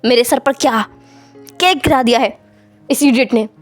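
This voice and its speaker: A woman's voice: a little high, moderate pace, faint music behind, lightly acted. Woman playing a brusque, hot-tempered young man. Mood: scolding.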